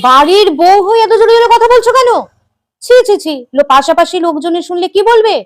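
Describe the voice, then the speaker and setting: A strict, scolding mother-in-law, played by a woman in a comic family sketch. Her voice is very high and the lecture comes out fast and sharp. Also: animated.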